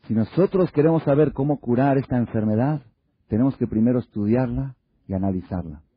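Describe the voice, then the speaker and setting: A man with a husky voice delivers a religious lecture and presses his listeners with one rhetorical question after another. He often slips into short acted-out exchanges to illustrate his points. The recording is dull and lo-fi. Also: mid-range voice, brisk. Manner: asks many rhetorical questions; acts out little dialogues. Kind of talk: Torah lecture to an audience.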